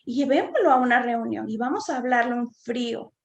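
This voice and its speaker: A psychotherapist speaks to parents in a high voice, chatty and engaging, often tossing in quick tag questions. Her talk comes through a video call and sounds echoey, as if from a bare room. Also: animated, gravelly. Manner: warm, conversational, frequent tag questions. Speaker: psychotherapist giving a conference talk. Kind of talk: informal lecture to parents.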